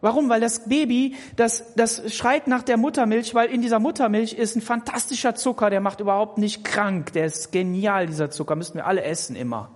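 The preacher moves a little fast with hardly any pauses, his middle-range voice echoing with long reverb in a large church hall. Emphatic throughout, he addresses listeners one by one and repeats words to push his message.

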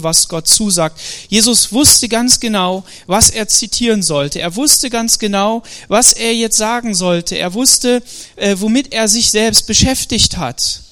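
A man preaching a Sunday sermon in a lively, animated way, with frequent fillers and hesitations. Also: sits high. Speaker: pastor.

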